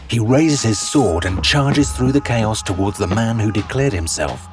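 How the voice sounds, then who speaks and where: A man giving scripted, dramatic documentary narration in a measured storytelling manner. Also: on the low side, lively intonation, music in the background.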